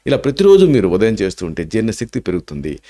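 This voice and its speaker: Telugu-accented guy, ayurvedic doc, fairly low voice, explains remedies step by step with lots of "aa" fillers. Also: wildly swooping pitch, quick pace, mellow. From India. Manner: explanatory, slips in English terms, many restarts and "aa" fillers. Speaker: Ayurvedic doctor. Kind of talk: health advice talk to camera.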